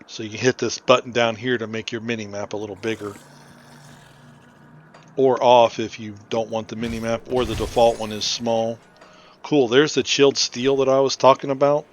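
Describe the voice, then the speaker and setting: Hosting a game playthrough, a man offers casual, informal commentary that explains what's happening. His mid-range voice stays level at a normal speed, and the audio is slightly dull with faint noise.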